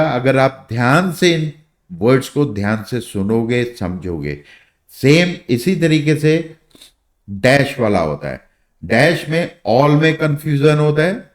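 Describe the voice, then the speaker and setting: A man teaching English vowel sounds in a slow, patient way, drawing out each example word. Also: medium pitch. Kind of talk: spoken lesson.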